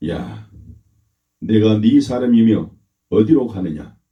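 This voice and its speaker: A man doing gruff suspicious older brother, low voice, blunt, dull lo-fi sound. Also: lively intonation, takes it slowly. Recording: roomy, dull lo-fi recording.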